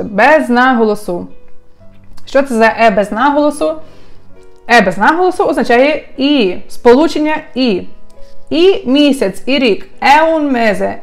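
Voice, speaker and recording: A woman teaching Italian phrases, speaking slowly and repeating them clearly for learners, a native Ukrainian speaker. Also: on the high side. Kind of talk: language lesson.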